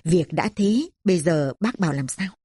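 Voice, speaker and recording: A woman voicing a middle-aged neighbor who calmly passes on news and gossip. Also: lowish voice, moderate pace, close to an everyday voice.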